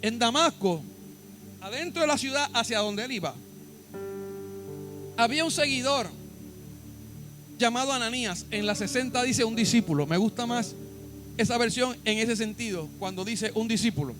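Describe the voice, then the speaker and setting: A man's voice: extremely high pitch, lively intonation, normal speed, long pauses, over music. A Puerto Rican pastor preaching a sermon in church, emphatic, repeating his points and calling on the congregation to respond. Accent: Puerto Rican Spanish.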